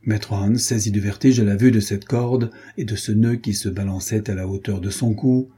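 Brief: male audiobook narrator, measured delivery, dark mellow voice with heavy breathiness. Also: lowish voice, breathy edge. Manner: measured, even storytelling.

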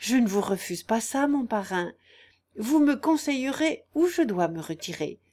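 A woman reading aloud, voicing a gentle, candid young peasant girl in mourning, with an earnest manner. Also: on the high side, expressive, moderate pace, natural voice.

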